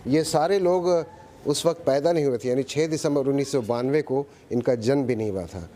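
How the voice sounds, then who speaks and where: A man's voice: medium pitch, normal speed, warm tone, a little hiss or hum. A man reporting from the street, asking probing questions and restating the answers back. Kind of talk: street interview.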